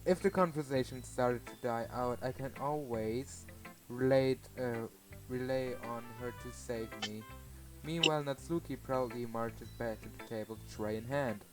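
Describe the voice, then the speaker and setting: Man, German accent, reading visual novel aloud, stumbling, laughing, middling pitch, faint music. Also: moderate pace, rough recording.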